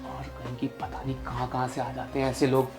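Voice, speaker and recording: An arrogant short-tempered young boss. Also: male voice, high voice, expressive, normal speed, music in the background. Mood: angry scolding. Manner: harsh, contemptuous, bossy scolding. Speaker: employer scolding his maid. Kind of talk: short film acting.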